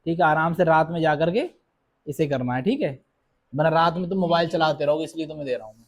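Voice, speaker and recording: A male physics teacher giving a classroom lecture, asking the class questions and answering them himself, reading numbers out slowly and often checking in with a quick okay. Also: a little high. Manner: reads numbers out slowly and deliberately. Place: classroom with students present.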